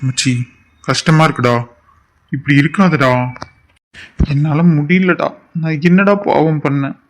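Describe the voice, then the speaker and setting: A man plays a heartbroken young man in a cartoon drama, with a slightly high voice. He speaks with hurt reproach, and he sinks into grief when he opens up to a friend. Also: unhurried. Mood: grieving. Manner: hurt, reproachful then grieving.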